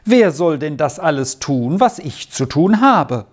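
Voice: medium pitch, very animated, slow pace, gravelly, darkish tone, pitched above the performer's own voice, full character voice. A reader voicing a slight, dutiful ten-year-old boy in a storybook reading, pleading and indignant by turns.

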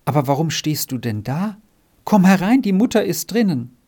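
A man's voice: mid-range voice, expressive, unhurried, a little mellow. A man reading aloud voices an anxious, tender-hearted little girl who pleads and wails in a storybook. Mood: glad. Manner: pleading, wailing.

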